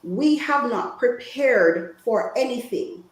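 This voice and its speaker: Speaking slowly with lively intonation, a guest speaker from Jamaica delivers a casual women's health talk in a preaching style and keeps asking her audience questions. Her voice is fairly high, recorded in an echoey room.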